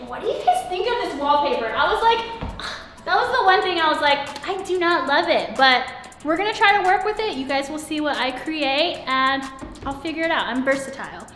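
A woman's voice: very high-pitched, a bit bright. Sing-song young woman in an echoey empty home. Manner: chatty, sing-song, many "like"s. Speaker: vlogger giving a home tour. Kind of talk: casual vlog walkthrough. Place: large empty apartment. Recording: very echoey empty rooms with music. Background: music from house speakers.

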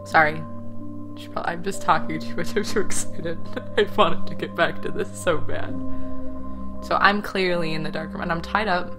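A young woman talks her way through a game in casual, chatty commentary, swearing freely and shouting at the characters. Her voice sits a little low. Faint music plays underneath. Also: fairly even intonation, normal speed. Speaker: let's play gamer.

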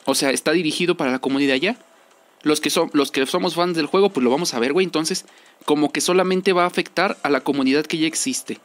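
Over music, a young gaming video creator with a Mexican accent fires off casual, rambling game commentary in slangy, informal speech, repeating himself for emphasis. His voice is on the high side and he talks fast.

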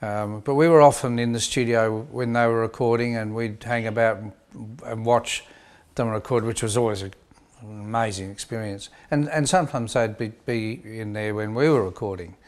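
An older man, a band member, telling a relaxed, rambling story in an interview with many pauses and fillers. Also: lowish voice. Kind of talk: reminiscing interview.

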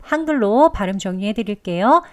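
A woman's voice: medium pitch, animated, a little mellow. Korean woman teaching English pronunciation. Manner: patient, demonstrates sounds slowly. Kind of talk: pronunciation lesson.

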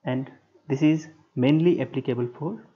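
This structural engineering lecture, recorded over a whiteboard screen, features a man with a warm, medium-pitched, slightly breathy voice. He speaks in short, halting, measured phrases, and the recording is dull and lo-fi.

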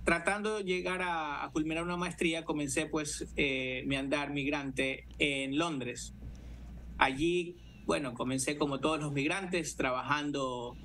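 Speaking unhurriedly in a fairly bright, higher-pitched voice, a man in his thirties from Guayaquil, Ecuador, with the local accent, joins an interview by video call as a guest. He's a city councillor, sitting indoors in his living room, and the call audio is noisy.

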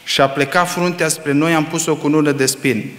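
A man preaching a sermon, swinging between loud rising exclamations and hushed low asides, firing rhetorical questions at the congregation. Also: steady tone. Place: church hall. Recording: echoey reverberant church hall.

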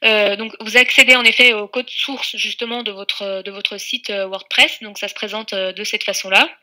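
A woman presenting a webinar, walking viewers through software steps in a chatty way with many fillers and restarts. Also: medium pitch, steady tone, moderate pace. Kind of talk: screen-share software tutorial.

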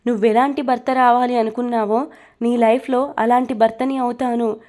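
Domineering young husband in a storybook reading, fairly high-pitched, as a woman narrator reads him. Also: fairly even intonation, moderate pace, dark tone, close to an everyday voice. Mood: tender. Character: domineering young man turned tender husband.

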